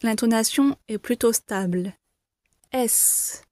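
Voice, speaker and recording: A woman gives a beginner pronunciation lesson, speaking very slowly and carefully and repeating each letter. Her voice sits a little high, and the recording is dry and close. She sounds patient and reassuring. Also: darkish tone, no echo. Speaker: French teacher.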